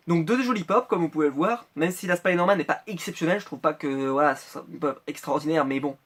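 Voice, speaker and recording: A man's voice: a little high, quick pace. A man from France chatting casually through an unboxing vlog, rambling and hesitating often. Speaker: Funko Pop collector vlogger.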